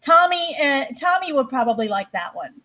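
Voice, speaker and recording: A woman with a fairly high voice, chatting on a live stream. She giggles a lot and reads viewers' comments aloud in a relaxed, easygoing way. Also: moderate pace. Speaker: co-host of a live reselling stream. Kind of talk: casual live-stream chat.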